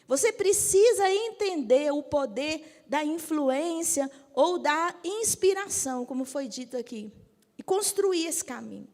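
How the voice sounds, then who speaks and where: High-voiced bishop lady in her 50s preaching, keeps asking the crowd to agree, big echoey hall. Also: animated, unhurried, darkish tone. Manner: direct, asks the audience for agreement. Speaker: Methodist bishop. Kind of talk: sermon. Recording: long hall reverb.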